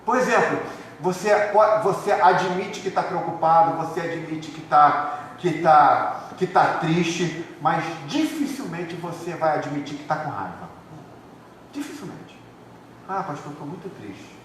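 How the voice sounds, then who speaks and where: A man from Rio de Janeiro, a pastor preaching an animated sermon, swinging between loud and hushed and acting out members of his church. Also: on the high side, measured pace, slight background noise. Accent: Brazilian Portuguese, Rio de Janeiro. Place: large church hall. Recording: echoey church hall from far off.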